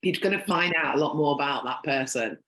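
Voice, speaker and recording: Brisk and forceful, this low-voiced woman from Northern England brings a bright tone to her podcast interview. She hosts in a chatty, meandering style full of "um" and "like," and the room sounds echoey.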